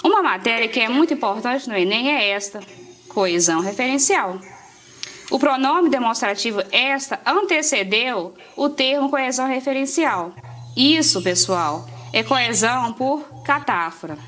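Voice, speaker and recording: Bright-voiced woman teacher explaining grammar. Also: a little high, lively intonation, unhurried, faint music behind. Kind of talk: grammar lesson.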